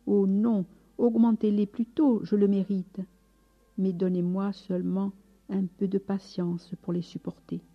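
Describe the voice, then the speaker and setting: A woman's voice: medium pitch, little pitch movement, measured pace, close to an everyday voice. A woman voicing a sick, humble male friar who prays devoutly and recites solemn praise. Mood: anguished prayer. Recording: slightly dull recording with soft music.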